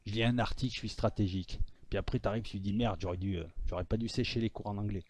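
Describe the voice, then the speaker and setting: A man's voice: on the low side, steady tone, fast talker, a little mellow, slight background noise. A man hosting a casual press review, talking straight to his viewers in slangy, mocking asides. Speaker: political commentary host.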